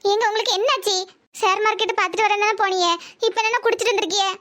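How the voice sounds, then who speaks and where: Woman doing a wailing nagging cartoon mom, tirunelveli tamil, super high voice, talks fast. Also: steady tone, a bit bright. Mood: scolding. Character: scolding anguished middle-aged wife and mother. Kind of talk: comedy cartoon voice acting.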